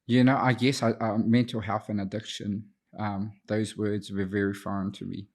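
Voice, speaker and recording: Fairly low-pitched and darkish, with little pitch movement and a moderate pace, the voice belongs to an Auckland man in his thirties with a New Zealand accent. He grew up speaking Te Reo Māori, works as an addiction counsellor, and recounts his personal story reflectively, with some hesitation, as a podcast guest.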